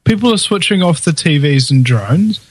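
A man's voice: on the high side, lively intonation, normal speed, husky, no room sound. A man with a broad New Zealand accent talking casually and opinionatedly, with a sarcastic way of acting out imagined dialogue.

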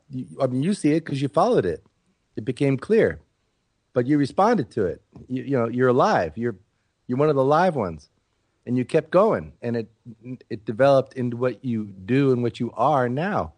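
A man speaking in casual, reflective conversation, earnest and rambling, often halting as he searches for words. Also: medium pitch, sing-song, a little mellow, husky, dry recording.

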